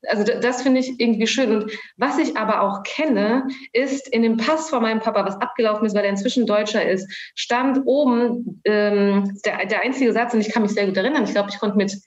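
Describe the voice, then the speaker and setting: A woman's voice: on the high side, brisk, hardly any pauses. A woman born and raised in Germany, a guest on a live online panel, who thinks aloud with restarts and small laughs over a video call. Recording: dull, echoey video call audio.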